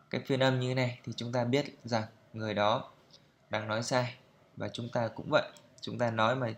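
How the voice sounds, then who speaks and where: A man teaching pronunciation, explaining calmly and then drilling sounds and words aloud with slow, deliberate repetition. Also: mid-range voice. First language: Vietnamese.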